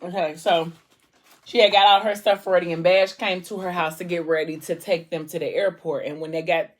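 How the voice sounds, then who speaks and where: A woman's voice: fairly low pitch, fairly even intonation, brisk. A woman vlogger retelling a story in a casual, colloquial, gossipy way with acted-out dialogue.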